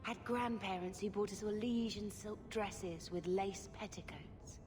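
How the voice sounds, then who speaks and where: An actress playing a gentle, earnest young mage, a devoted younger sister, in a video game. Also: female voice, mid-range voice, measured pace, close to an everyday voice. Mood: wistful. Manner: earnest, wistful. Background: game music.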